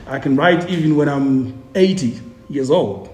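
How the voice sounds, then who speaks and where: A man's voice: mid-range voice, expressive, unhurried, darkish tone, slight background noise. A man in his forties from Zimbabwe, a tour guide and author, talking casually in an interview, chatty and jokey, often repeating words while he searches for the next ones. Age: 40s. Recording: roomy echo.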